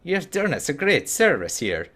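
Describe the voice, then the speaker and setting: A man voicing a brisk woman quest giver in a fantasy game, polite but dismissive. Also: on the high side, wildly swooping pitch, fairly bright tone, voice pushed up, exaggerated voice.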